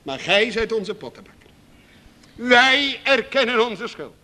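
A man delivers a sermon in a slow, deliberate cadence, building his points through solemn repetitions. His voice sits high and rings very bright and piercing, and he lets long pauses hang between phrases. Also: big pitch swings. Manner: slow, emphatic preaching with dramatic repetitions. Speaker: preacher.

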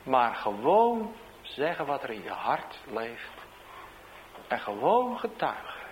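Animated man telling a street-preaching story. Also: mid-range voice, takes it slowly, slight background noise, low-quality recording. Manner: animated storyteller, swinging between loud and hushed. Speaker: street evangelist. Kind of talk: storytelling testimony.

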